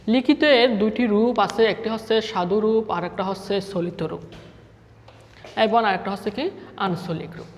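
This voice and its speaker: A male school teacher gives a classroom lecture, reading out word lists item by item and answering his own questions. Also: high voice. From Chittagong, Bangladesh. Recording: long reverb of a hard room.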